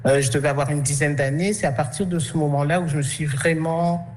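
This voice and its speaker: A woman, an artist and actress, answering interview questions hesitantly, with many fillers and restarts and soft laughs between thoughts. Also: low-pitched, fairly even intonation, fairly quick.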